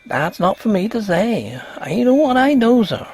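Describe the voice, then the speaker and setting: A man voicing a superstitious old peasant housekeeper, a stubborn woman with a husky high voice and rustic, foreboding speech in a ghost story. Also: very animated, normal speed, darkish tone, faint music behind, exaggerated voice. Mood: warning, guarded. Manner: rustic dialect, guarded and foreboding.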